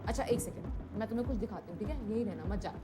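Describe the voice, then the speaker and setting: A woman's voice: medium pitch, very fast, loud music behind the voice, close to an everyday voice. An actress playing a woman from the future, urgently pleading and explaining in a film drama. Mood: gently explaining. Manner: urgent, pleading, repeats his name. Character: earnest young woman pleading with a boy. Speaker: hospital worker from the future. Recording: roomy echo, loud film score.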